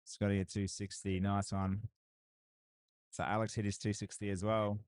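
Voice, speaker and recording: Excited man commentating strongman. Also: on the low side, normal speed, dry recording. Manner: excitable hype, repeated cheers and laughs. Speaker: livestream commentator. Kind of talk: live strongman event commentary.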